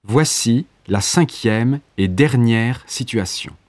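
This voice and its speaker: A man's voice: medium pitch, takes it slowly, dry recording. A man reading scripted test instructions in a formal, neutral way as an exam narrator.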